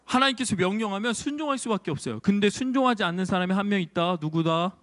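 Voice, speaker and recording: A male children's pastor telling a Bible story, asking the kids questions in an animated way. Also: high-pitched, fast. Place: church.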